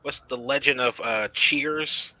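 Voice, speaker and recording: A man's voice: mid-range voice, takes it slowly, sharp tone, no room sound, low-quality recording. A man joking around as a player in a tabletop game, often breaking into giggles. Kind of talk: casual tabletop role-play.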